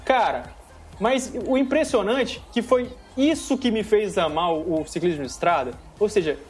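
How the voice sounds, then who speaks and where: Um homem com sotaque brasileiro, coapresentador, conversando de forma animada e repetindo "cara" o tempo todo. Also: male voice, high voice, moderate pace, soft background music. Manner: animated, says "cara" constantly. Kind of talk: casual chat.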